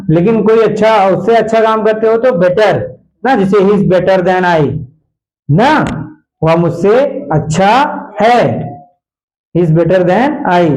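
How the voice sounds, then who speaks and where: A man's voice: sits high, a little mellow. A male teacher giving a classroom grammar lesson, quizzing his students with repeated questions. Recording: dull lo-fi classroom recording.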